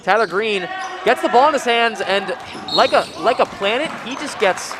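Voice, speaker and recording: A young man with a high voice calls a high school basketball game from a school gym. His delivery climbs in excitement as the action speeds up. Heavy gym noise is heard behind him. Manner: excited, rising during fast plays. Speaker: play-by-play commentator. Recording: noisy gym recording.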